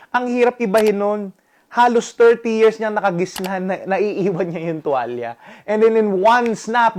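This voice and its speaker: A man in his thirties with a Filipino accent, telling a story and giving relationship advice in a mix of English and Tagalog. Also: high-pitched. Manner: animated, mixes English and Tagalog, acts out his own outbursts. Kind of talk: motivational storytelling talk.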